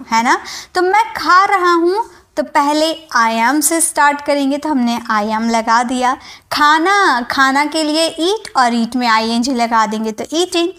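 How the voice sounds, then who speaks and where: High-voiced woman teaching English slowly. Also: a bit bright. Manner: explains patiently, repeats examples slowly. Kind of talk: spoken English lesson in Hindi.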